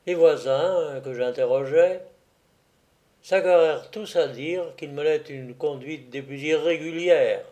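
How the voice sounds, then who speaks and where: A man reads a first-person memoir aloud as an audiobook, in a fairly high but mellow voice. His delivery is very slow and deliberate, with the odd hesitant filler. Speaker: narrator.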